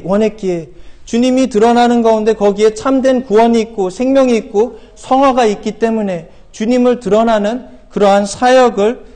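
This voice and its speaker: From a church pulpit, a middle-aged male missionary delivers a sermon in a voice pitched notably high for a man. He earnestly exhorts his listeners with rhetorical questions and many hesitant fillers, shouting quoted scripture loudly and slowly.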